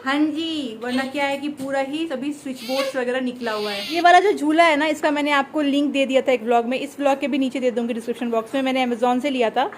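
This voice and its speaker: Young female home vlogger, high voice, chatty running commentary. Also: quick pace, few pauses, slight background noise. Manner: chatty, narrates events to the viewers. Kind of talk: casual home vlog chat. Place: home balcony at night.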